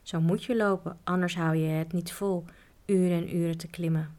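A woman reading the lines of a cheerful, tireless young male mountain guide in a low, even voice. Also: moderate pace, close to an everyday voice. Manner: cheerful, reassuring.

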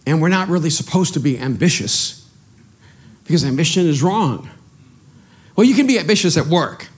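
A pastor in middle age from El Salvador, Spanish being his first language, preaches in a lively way, making fun of himself and repeating words as he starts over. His pitch is fairly high and he speaks at a normal speed.

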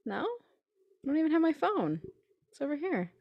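A woman's voice: high-pitched, big pitch swings, moderate pace, gravelly, lo-fi sound, crowd noise. A young adult woman co-hosting a casual podcast in a blunt, laid-back, sweary way. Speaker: podcast co-host.

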